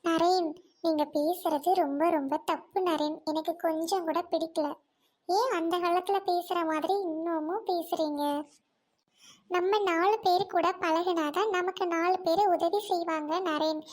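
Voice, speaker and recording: A woman's voice: very high voice, fairly even intonation, a little slow. A woman voicing an earnest, outspoken young city woman in a cartoon, talking in a pleading tone.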